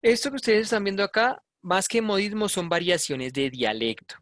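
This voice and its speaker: Colombian male teacher, slightly high voice, chatty with frequent check-ins, dry close sound. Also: normal speed, a bit bright, no room sound. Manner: conversational, frequent tag questions. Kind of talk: online class lecture.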